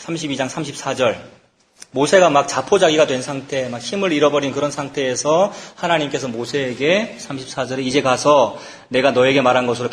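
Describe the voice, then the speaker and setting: A male pastor preaching a sermon at a church youth retreat, lively, with many rhetorical questions and acted-out quotes. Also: on the high side. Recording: echoey hall.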